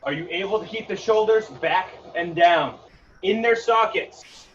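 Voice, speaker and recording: High-voiced male coach calling combos, distant mic. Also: unhurried, fairly bright tone. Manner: coaching cues, calling out moves and punch combinations in short bursts. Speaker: fitness coach leading a home HIIT workout. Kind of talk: live exercise instruction with short cues and counts. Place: indoor garage-style gym. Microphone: camera several metres away. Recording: distant mic, muffled, noisy gym.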